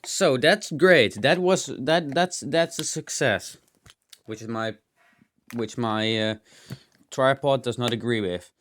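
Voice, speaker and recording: Indoors in his cluttered home room, a teardown host takes things slowly, his mid-range voice a bit bright yet slightly dry and strained. He rambles through casual hands-on talk about hobby electronics, thinking aloud, muttering asides and letting slip mild exclamations.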